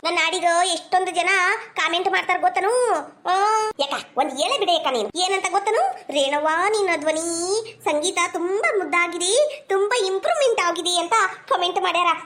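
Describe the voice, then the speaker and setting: A woman's voice: very high voice, brisk, fairly bright tone. A woman with a North Karnataka Kannada accent acting out a village comedy sketch, bickering and scolding as several village women.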